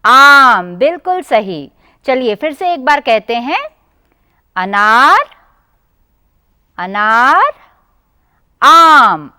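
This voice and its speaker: A woman teacher with an Indian Hindi accent giving a televised lesson to children, drawing out each sound slowly and asking them questions. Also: high voice, very animated, bright, forceful tone, clear, resonant tone, no room sound, studio quality. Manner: slow, drawn-out pronunciation, addressing children directly. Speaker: primary school teacher.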